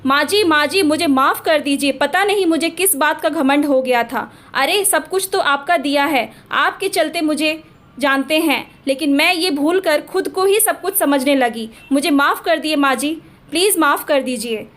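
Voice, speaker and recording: A woman's voice: high-pitched, moderate pace, fairly bright tone. A woman voicing a young daughter-in-law who becomes a proud officer, speaking with strong emotion. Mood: remorseful. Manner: emotional, pleading at times.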